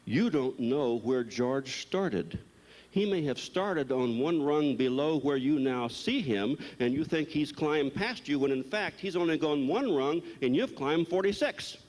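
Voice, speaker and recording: A man, a psychologist, giving a blunt, animated storytelling lecture to a live audience. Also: fairly high pitch, a little slow. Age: older. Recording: long hall reverb, recorded live.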